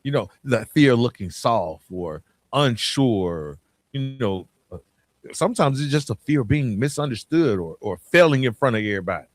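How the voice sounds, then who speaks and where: Speaking at a normal pace in an expressive, mid-range voice, a male podcast host with an Atlanta Southern accent offers a casual motivational monologue. He's emphatic and conversational, repeats phrases, and poses questions, and there's no room sound.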